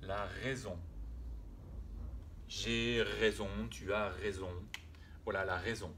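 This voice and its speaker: A man's voice: on the low side, fairly even intonation, measured pace, gravelly, a bit bright, a little hiss or hum. A man teaching French spelling and pronunciation, patiently repeating words and sounds, with hesitations and self-corrections.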